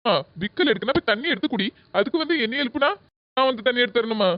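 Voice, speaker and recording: A quick, fairly high voice of a woman acting a cartoon village son and husband. He coaxes and pleads with a southern Tamil Nadu accent, on a muffled recording. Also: expressive, close to an everyday voice. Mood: concerned. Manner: pleading, insistent. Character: concerned, coaxing adult village son and husband. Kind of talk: comedy skit voice acting. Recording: muffled audio with hiss and clicks.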